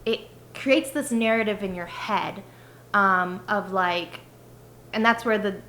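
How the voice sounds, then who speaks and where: A woman's voice: medium pitch, slow pace, sharp tone. A woman, a children's book author, talking casually in a podcast interview, rambling with many fillers. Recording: roomy, with faint noise.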